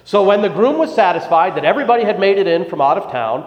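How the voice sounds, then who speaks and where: A pastor delivering a sermon, telling a joke story and then explaining scripture. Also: male voice, high voice, animated, fast talker. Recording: echoey hall, dull lo-fi sound.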